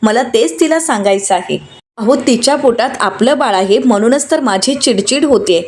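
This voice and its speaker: A woman's voice: a little high, lively intonation, normal speed, slight background noise, natural voice. A woman reading a scolding angry young wife. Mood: indignant. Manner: scolding, indignant.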